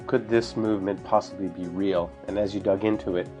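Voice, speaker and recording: A man's voice: low voice, steady tone, a little fast, mellow. A man hosting a podcast, asking probing and challenging questions as the interviewer. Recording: dull lo-fi sound with faint music.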